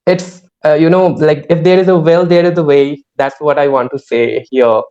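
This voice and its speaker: A man's voice: a little high, fairly even intonation, moderate pace, mellow, muffled recording. A man hosting a podcast over a video call, talking hesitantly with many fillers. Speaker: podcast host. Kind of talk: casual podcast conversation.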